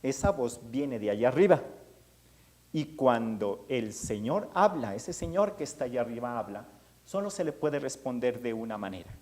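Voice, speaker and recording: A man's voice: mid-range voice, sing-song, normal speed, darkish tone, lightly acted. A man doing a fretful old temple priest. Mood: instructing. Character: old temple priest, startled then fatherly.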